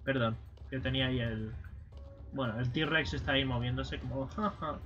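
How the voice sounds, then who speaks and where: A man giving casual let's-play commentary, swearing and yelling at enemies as he plays. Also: medium pitch, fairly even intonation, normal speed. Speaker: gaming streamer. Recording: slightly dull stream audio with game music.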